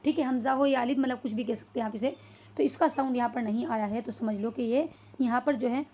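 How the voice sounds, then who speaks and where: High-voiced woman teaching Arabic step by step. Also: fairly even intonation, fast talker, mellow. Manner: repeats questions and answers them herself; checks understanding with "clear so far?". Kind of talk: classroom-style lesson.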